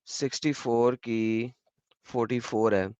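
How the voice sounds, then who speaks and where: A man hosting a heated debate, pressing his points in rapid bursts and citing verses by number. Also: mid-range voice, fairly even intonation, a little mellow, no room sound. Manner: pressing, rapid-fire arguing, quoting chapter and verse. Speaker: debate host. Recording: dull, dry lo-fi audio.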